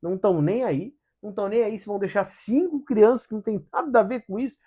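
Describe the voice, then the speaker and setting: A man's voice: sits high, quick pace, warm tone. A man hosting a casual spiritual book study in Brazilian Portuguese, talking with animation, asking rhetorical questions and acting out quotes in different voices.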